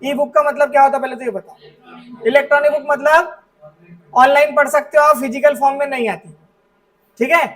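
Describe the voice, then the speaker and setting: High-voiced man teaching a computer class. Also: fairly even intonation, brisk, pauses often, a bit bright, recorded from a distance, poor audio. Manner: explains step by step, often checks understanding with "ठीक है". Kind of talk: classroom software lesson. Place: classroom with students present.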